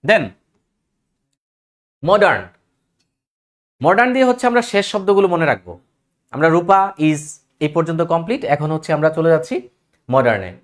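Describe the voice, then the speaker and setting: A man's voice: a little high, big pitch swings, normal speed, pauses often. A man teaching an English grammar lesson, reciting word lists in a rhythmic chant and mixing English phrases into his explanations.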